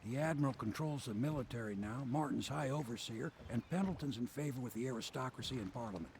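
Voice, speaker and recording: An actor playing a gruff, loyal, weary old sailor in a video game, plain-spoken and earnest like an old fisherman. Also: mid-range voice, quick pace, close to an everyday voice. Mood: grave, informative. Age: older. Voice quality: gravelly. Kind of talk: video game character dialogue. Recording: loud waterside noise behind. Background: water and boat ambience.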